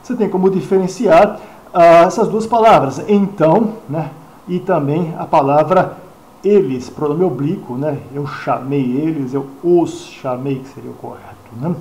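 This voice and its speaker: A Brazilian man with a fairly high voice teaches English pronunciation in a chatty way, often asking his listeners questions. He repeats each example word. The sound is echoey, as if recorded in a bare room. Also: measured pace, darkish tone. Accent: Brazilian Portuguese. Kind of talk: screen-recorded pronunciation lesson.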